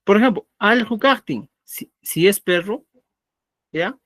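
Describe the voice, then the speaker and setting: His voice is high-pitched and a bit bright, with lively intonation and a slightly slow delivery. As a Quechua teacher running a live online class, he explains patiently and often checks comprehension with "¿ya?", in studio-quality audio with no room sound.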